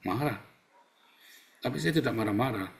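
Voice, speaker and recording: Animated male pastor preaching. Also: medium pitch, normal speed, gravelly. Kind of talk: casual livestream sermon.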